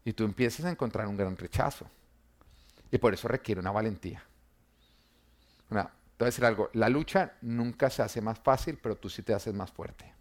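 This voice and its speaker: A man, preaching an emphatic sermon that swings between loud and quiet, full of rhetorical questions and humor for the congregation. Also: lowish voice, moderate pace. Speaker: pastor.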